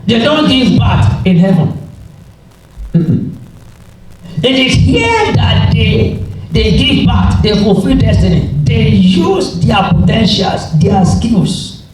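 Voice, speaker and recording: Echoing, high-pitched male preacher. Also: sing-song, takes it slowly, a little mellow. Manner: emphatic, repeats phrases for emphasis. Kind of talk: revival sermon with scripture readings. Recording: roomy, echoing, distant mic, faint noise.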